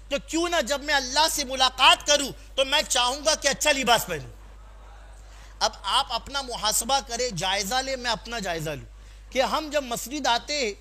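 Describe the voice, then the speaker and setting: Man, preacher, sermon, very high voice, bright tone, exhorting, questions the crowd. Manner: exhorting, asks the audience questions and calls for responses; tells personal anecdotes in a conversational tone. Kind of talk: sermon to a live congregation.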